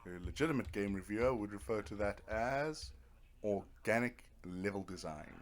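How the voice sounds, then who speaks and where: With a fairly low pitch, expressive delivery and a moderate pace, a man gives rambling, casual let's play commentary while streaming a video game. He's half talking to himself, using playful little words. Clear background noise comes from Netflix on a nearby TV.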